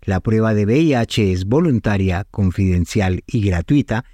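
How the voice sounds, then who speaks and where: A man's voice: lowish voice, moderate pace, mellow, no echo. A man reading scripted public-service narration as an announcer.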